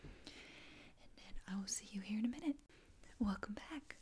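A young woman in a whispered role-play as an attentive, reassuring spa attendant, speaking softly and close up. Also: medium pitch, animated, unhurried. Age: young adult. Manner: soft-spoken, attentive, reassuring customer-service talk. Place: small dim indoor room.

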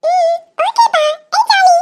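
A woman's voice: takes it slowly, no room sound, clean studio sound. A woman voicing a small girl in a cartoon, earnest and pleading. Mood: excited. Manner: high, earnest child's pleading. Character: little girl, tearful and insistent.

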